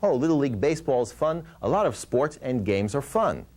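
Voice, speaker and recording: Animated male ventriloquist host. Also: medium pitch, brisk. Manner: patient, questioning, instructive. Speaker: ventriloquist and straight-man host. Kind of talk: scripted puppet show patter.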